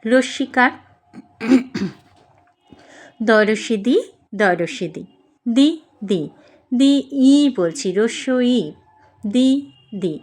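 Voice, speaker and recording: Woman, spelling teacher, very slow pace, patient, repeats syllables. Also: fairly high pitch. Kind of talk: slow instructional lesson.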